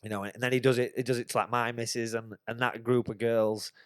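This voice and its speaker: A fast-talking male podcast host, medium in pitch with a clear, resonant tone, tells an animated story full of curse words. It's casual chat captured as clean studio audio without echo.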